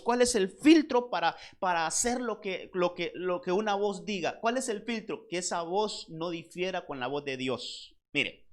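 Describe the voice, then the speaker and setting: Emphatic pastor preaching with repetitions. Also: male voice, sits high. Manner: repeats words and addresses listeners as "hermano"; emphatic, slows down on key points. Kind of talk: sermon.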